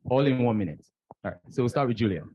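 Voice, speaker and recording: A man moderating a conference panel, posing a question slowly and deliberately and repeating it for the room. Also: medium pitch, animated, muffled recording, a little hiss or hum.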